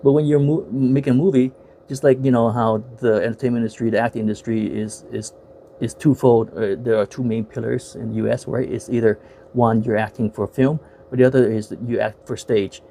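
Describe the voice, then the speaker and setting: Guy rambling through a movie review, lots of uhs, gravelly warm voice, kinda frank about it. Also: medium pitch, fairly even intonation, brisk, a little hiss or hum. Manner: rambling, full of uhs and self-corrections; frank, opinionated. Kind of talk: casual spoken movie review.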